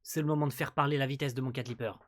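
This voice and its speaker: A man voicing a brash young male space hero in a manga reading, loud and eager. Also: medium pitch, fairly even intonation, very fast, lightly acted.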